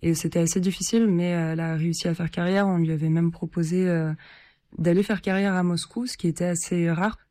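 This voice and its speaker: A Lithuanian singer-songwriter answers radio interview questions shyly, softly and hesitantly, using many fillers. Her lowish voice moves fast with fairly even intonation, and there's no room sound.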